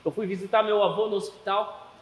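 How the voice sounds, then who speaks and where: A Brazilian man preaching a sermon with a Brazilian Portuguese accent, telling stories in an animated way and doing the voices of people he quotes. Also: high voice, fairly quick, echoey room, long reverb tail, poor audio. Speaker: pastor.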